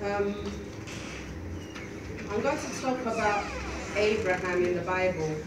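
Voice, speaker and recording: A woman's voice: mid-range voice, slow pace. A young adult woman preaching a sermon at a lectern in a small church, in a conversational way with many fillers and restarts. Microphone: stand mic at a lectern, filmed by a far camera. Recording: echoey hall from far off, noisy.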